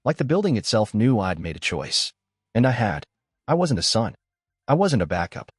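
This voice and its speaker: Husky young male storyteller. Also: fairly low pitch, sing-song, normal speed, no echo, clean studio sound. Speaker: narrator. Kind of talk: first-person story narration.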